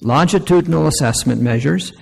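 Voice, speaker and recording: A man presenting poll results to an audience, reading each item aloud more loudly and slowly. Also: on the high side, vocal fry, slightly rough. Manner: reads each item aloud louder and slower. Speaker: presenter leading a workshop poll. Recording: long hall reverb.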